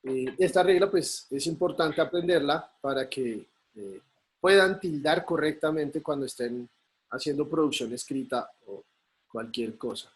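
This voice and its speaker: A man's voice: a little high, a little slow. A male teacher, patiently explaining a lesson over a video call and often checking in with his students. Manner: patient, checks in with frequent tag questions. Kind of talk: online class explanation.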